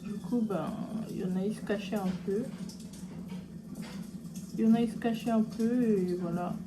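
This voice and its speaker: Young woman, mid-pitch, casual slangy makeup-vlog chat, noisy home recording. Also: moderate pace. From French Guiana. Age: young adult. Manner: chatty, relaxed slangy asides. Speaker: beauty vlogger.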